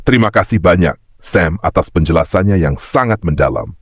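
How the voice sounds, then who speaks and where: Male host, very deep, husky, formal, scripted, dry close sound. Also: expressive, fairly quick, dry recording. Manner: polite, formal sign-off. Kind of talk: scripted narration.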